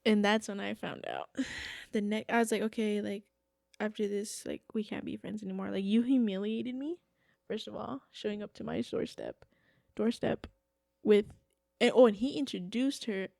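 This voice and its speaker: Young woman with vocal fry, chatty storyteller. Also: medium pitch, normal speed, dry recording, studio quality. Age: 20s. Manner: animated, acts out quotes, heavy use of "like". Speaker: guest. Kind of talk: casual podcast storytelling.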